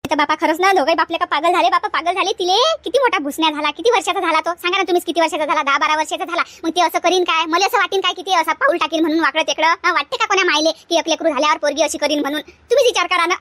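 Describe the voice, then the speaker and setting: A woman playing a village mother who scolds her family with rapid rhetorical questions. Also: very high voice, bright, forceful tone, dry recording. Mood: scolding. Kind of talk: comedy skit acting.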